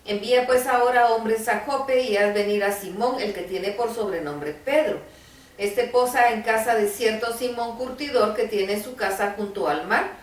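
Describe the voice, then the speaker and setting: A woman's voice: fairly high pitch, moderate pace, recorded from a distance, natural voice. A woman reading the message of a solemn heavenly angel in a plain voice. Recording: roomy, voice a bit off-mic.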